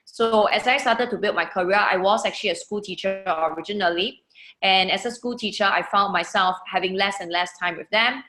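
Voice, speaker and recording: A Singaporean woman hosts an online webinar over a video call, speaking fairly quickly in a mid-range voice. Her manner is encouraging, with frequent "you know" fillers. She's in an echoey room at holiday lodging.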